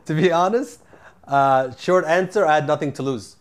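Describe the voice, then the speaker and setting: A man in his thirties from Canada, a company founder answering interview questions in a calm, plainspoken way. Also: on the high side, measured pace. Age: 30s.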